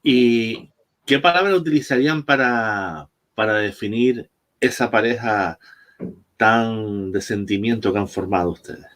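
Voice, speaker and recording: A man's voice: fairly low pitch, unhurried, fairly bright tone. A man hosting a casual interview, friendly and joking as he asks his guests questions. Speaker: interview host.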